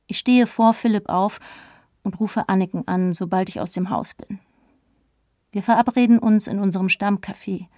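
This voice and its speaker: A woman reads a first-person story aloud in a mellow, warm tone. Her delivery is reflective and earnest. The recording is dry and close, with no room around her. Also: mid-range voice, dry recording. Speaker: audiobook narrator. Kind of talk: first-person audiobook narration.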